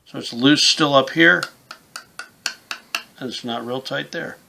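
A man's voice: medium pitch, slow, vocal fry, very noisy. A man in his fifties giving a casual, plain-spoken hands-on tutorial, explaining things step by step in an informal way. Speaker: instructor, game call maker. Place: small indoor room with camouflage backdrop.

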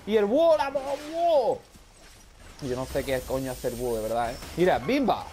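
A man with a Spain Spanish accent giving loud, excitable live gameplay commentary, often shouting and swearing. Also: medium pitch, normal speed. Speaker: gaming video creator.

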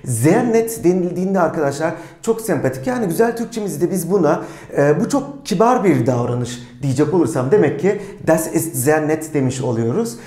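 A language teacher giving a recorded lesson, who says example phrases slowly and carefully and keeps quizzing the viewers before giving the answers. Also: medium pitch, lively intonation, warm tone, echoey room. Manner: speaks German model phrases slowly and deliberately; asks the viewers quiz questions and answers them himself.

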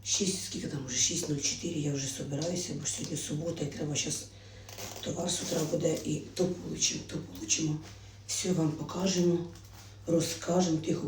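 A woman's voice: low voice, fairly even intonation, fast talker, a little mellow, slight background noise, low-quality recording. A woman chatting affectionately to her viewers in a casual morning vlog while getting dressed at home. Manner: drops to a whisper at times. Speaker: vlogger.

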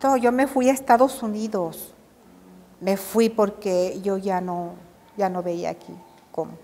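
Older Mexican woman, artisan interview, animated storytelling, middle pitch, long reverb. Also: unhurried, a little hiss or hum. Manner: animated storytelling, acts out quoted dialogue. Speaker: embroidery and drawn-thread artisan. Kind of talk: reminiscing interview.

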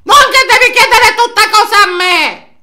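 Comic sketch: nosy older Sicilian housewife played by a man, dialect-laced scolding, bright voice swinging wildly. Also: high voice, big pitch swings, a little slow, full character voice. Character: nosy, indignant older Sicilian housewife, gossiping about neighbours. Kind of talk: comic character monologue. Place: small indoor room, seated facing camera.

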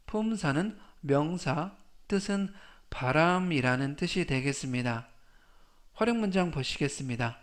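A man's voice: fairly high pitch, lively intonation, a little slow. A man teaching English vocabulary in a scripted lesson. He repeats each word three times and explains its meaning step by step.

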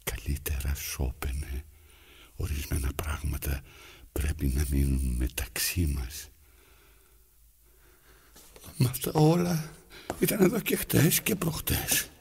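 This man has a high, expressive voice that's creaky, a bit mellow, and slightly rough, delivered as a full character. He acts as an old, lonely man who fixes his trousers while rambling to himself and his needle, swinging from coaxing to scolding, in theatrical monologue.

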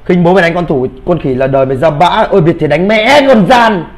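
A man's voice: sits high, fast, slight background noise. A man giving brash live commentary on a game he is playing, swearing and trash-talking his teammates. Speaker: gaming streamer.

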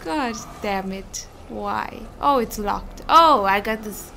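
A woman's voice: medium pitch, expressive, slow, gravelly, sharp tone, slight background noise. A woman commenting on her own video game play, rambling and mocking herself, muttering and exclaiming as she goes. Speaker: gamer streaming gameplay. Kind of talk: self-deprecating gameplay commentary. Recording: game music playing behind.

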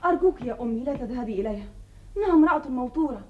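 A woman's voice: high voice, animated, racing, muffled recording. An actress playing an anxious daughter who pleads earnestly with her mother. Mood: pleading.

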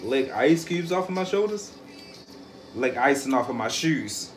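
A man in playful, slangy, excitable banter during a casual vlog game, with music playing over his voice. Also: medium pitch, measured pace.

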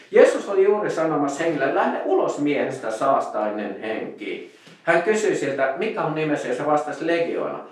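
A man preaching a sermon in a relaxed, conversational way, telling stories with many fillers and restarts. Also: medium pitch. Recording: very echoey room, mic at a distance.

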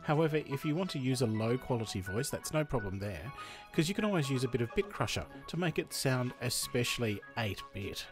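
A man from Australia hosting a software tutorial voice-over, explaining each step in a chatty way. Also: medium pitch, expressive, a little fast, music in the background. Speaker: tutorial host. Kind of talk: screen-recording tutorial voice-over.

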